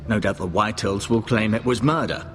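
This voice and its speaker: An actor playing a solemn older male maester and healer in a video game, speaking in a measured, advising way. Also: on the low side, lightly acted. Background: game music.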